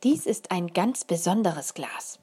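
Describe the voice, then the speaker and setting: A friendly kindergarten teacher who explains things to the children, as a woman reading a storybook puts her on. She sounds close to the reader's own slightly husky voice, only a bit lighter. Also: fairly low pitch, expressive, unhurried, warm tone, heavily acted.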